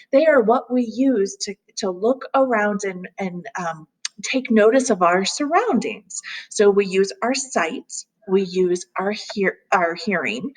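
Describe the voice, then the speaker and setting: A woman leads a calm grounding exercise in a soft, breathy voice with some huskiness. Her pitch sits in the middle range for a woman. She guides gently and without hurry, in a soothing instructor's manner. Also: poor audio.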